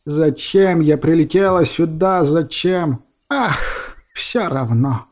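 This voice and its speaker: A man's voice: a little high, takes it slowly. A man doing a tearful, tender old woman. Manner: soft, tearful, fond. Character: old woman, emotional, gruff yet tender.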